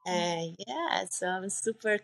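A Colombian woman with a low, gravelly voice speaks slowly but animatedly as a podcast guest in a casual interview. She owns a retreat center and talks in an earnest, heartfelt way, using frequent fillers, with a Colombian Spanish accent.

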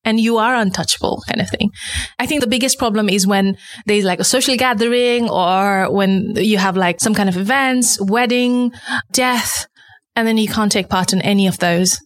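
A woman's voice: mid-range voice, normal speed. Earnest woman from Nepal being interviewed. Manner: earnest, explanatory, frequent "like" fillers. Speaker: guest, founder of a menstrual product. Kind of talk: conversational interview.

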